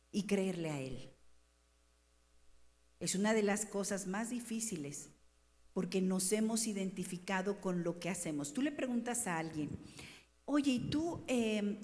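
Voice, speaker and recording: A woman's voice: medium pitch, darkish tone. A woman teaching a women's Bible class in a conversational way, asking her listeners questions and acting out quotes. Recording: long hall reverb.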